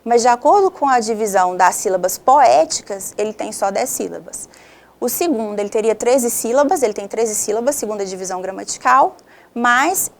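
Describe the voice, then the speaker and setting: Patient Brazilian woman teaching a lesson. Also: fairly high pitch. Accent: Brazilian Portuguese. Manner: patient step-by-step explaining, checks in with "ok?". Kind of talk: online video lesson.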